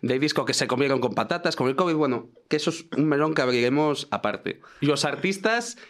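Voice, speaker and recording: A man's voice: mid-range voice, a little fast. A young man with a Spanish accent from Spain, telling a party story in a casual, slangy way among friends. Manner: animated anecdote teller, slangy.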